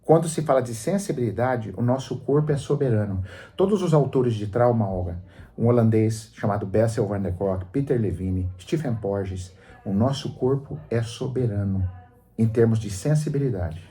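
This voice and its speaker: A Brazilian man talking in a radio studio. His voice is mellow and relaxed, and he explains things in a didactic, storytelling way, with emphasis on his key points. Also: medium pitch, normal speed. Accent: Brazilian Portuguese. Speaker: psychologist guest on a radio show.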